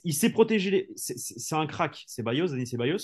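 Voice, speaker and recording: In a very animated, fast delivery, a sports journalist with a fairly high, slightly rough voice argues his case in a casual football discussion. Rhetorical flourishes and frequent fillers like "tu vois" fill his speech.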